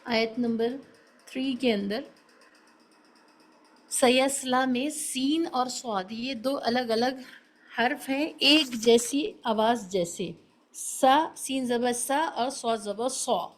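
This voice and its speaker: A woman's voice: on the high side, rough recording. Woman teaching Quran recitation. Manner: patient explaining, drills sounds with examples; mixes English terms into Urdu teaching. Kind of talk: online tajweed class for beginners.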